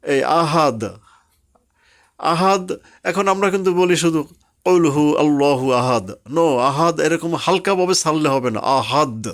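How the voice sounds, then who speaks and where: A man teaching Quran recitation rules patiently, drawing out the example words slowly. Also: fairly high pitch. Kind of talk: slow explanatory tajweed lesson.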